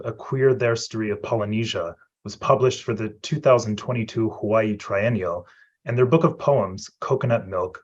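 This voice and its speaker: A man moderating a panel who reads a formal introduction of the next speaker. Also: on the low side. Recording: dull, lo-fi audio.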